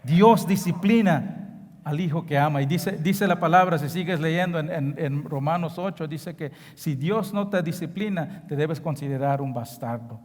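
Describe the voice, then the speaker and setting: A man's voice: fairly high pitch, normal speed, a little mellow, long reverb tail. A man preaching a sermon with passion, stressing key phrases and sometimes repeating a word as he searches for the next. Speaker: pastor. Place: church sanctuary.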